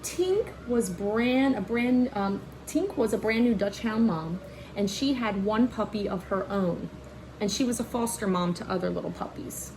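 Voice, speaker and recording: In a rough recording with slight background noise, a woman with a mid-range, darkish voice reads a picture book to children at a slightly slow pace. Like a teacher, she reads expressively and breaks off to point out details and ask questions.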